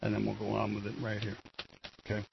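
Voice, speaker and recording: A gravelly-voiced man hosts a radio talk show, rambling along in easy chat with plenty of restarts. The broadcast sound is dull and lo-fi, with a faint hiss of noise behind him. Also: on the low side, monotone, fast.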